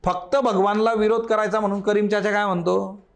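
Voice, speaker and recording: A man's voice: sits high, steady tone, fairly quick. A man teaching a literature class for exam preparation. He reads passages aloud and explains them line by line, often addressing the class directly. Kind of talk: exam-prep lecture on a short story.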